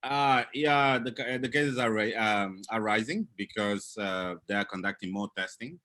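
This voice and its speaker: A man's voice: lowish voice, normal speed, sharp tone, no room sound. A man from Angola, a guest on an online meeting, speaking hesitantly and restarting his phrases. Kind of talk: casual video-call chat. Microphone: video call.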